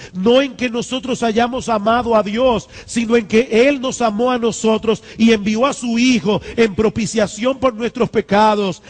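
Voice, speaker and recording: A man's voice: sits high, darkish tone. A man preaching a sermon as pastor, emphatic, repeating key lines and building to fervent exhortations. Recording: church hall with long reverb.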